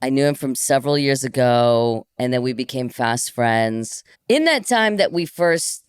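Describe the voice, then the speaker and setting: A hoarse woman getting over strep throat, hosting a casual podcast and telling bawdy stories with frequent laughter. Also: very deep voice, animated, a little slow, dry recording, studio quality. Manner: laughs often, bawdy storytelling. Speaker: podcast host. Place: podcast studio.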